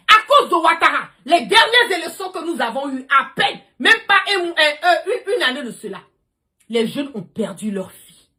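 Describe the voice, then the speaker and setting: A livestream host delivers an impassioned political rant, emphatic, repetitive and confrontational. Her voice is high with a sharp tone.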